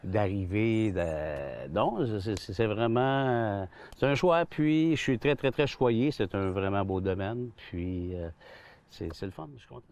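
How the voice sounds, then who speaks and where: Recorded outdoors on a golf course with a lapel mic, this Quebec man in his sixties manages a golf club and speaks with a Québécois French accent. In a relaxed interview he wanders through his stories at a measured pace, restarting often and leaning on fillers, his voice a little low and slightly mellow.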